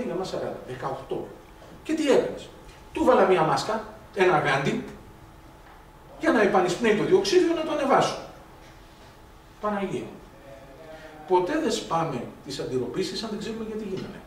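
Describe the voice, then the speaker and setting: Male medical lecturer, animated and high-pitched, distant mic with faint noise. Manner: animated storytelling, acts out dialogue, rhetorical questions. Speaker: doctor lecturing on blood gases. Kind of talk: lively medical lecture with anecdotes. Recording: echoey hall from far off, faint noise.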